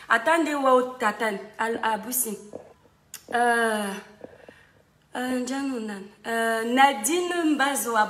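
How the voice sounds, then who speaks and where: Greeting viewers by name and breaking into bits of song, this woman hosts a casual live stream in a slightly high, somewhat bright voice. Music plays in the background of an echoey room.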